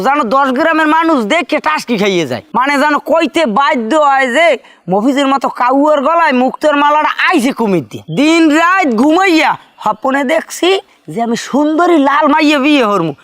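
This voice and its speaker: An actor playing a brash, whining young village man in a rural comedy drama, talking loudly in broad dialect. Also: very high-pitched, dry recording, exaggerated voice.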